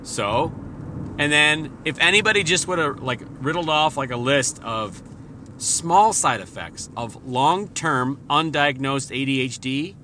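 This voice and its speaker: A man's voice: a little high, lively intonation, a little slow, pushed and bright, a little hiss or hum. A married man hosting a solo podcast, talking in a casual, profane, rambling and self-deprecating way. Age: adult, married father. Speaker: podcast host.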